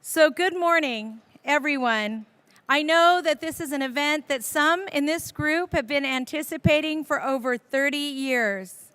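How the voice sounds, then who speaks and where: A woman's voice: high voice, a little slow, a bit bright, dry recording. A woman emceeing an outdoor ribbon-cutting ceremony, upbeat and teasing as she coaxes the crowd into their seats. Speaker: emcee and transit board chair. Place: outdoor transit station ceremony.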